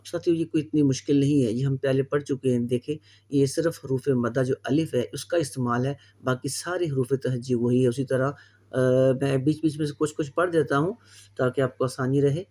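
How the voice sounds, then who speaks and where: A man walks learners through a reading lesson, patient and explanatory. He draws out each sound slowly in drills. His voice sits at an ordinary middle pitch for a man. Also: steady tone, dark tone. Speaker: Quran reading teacher.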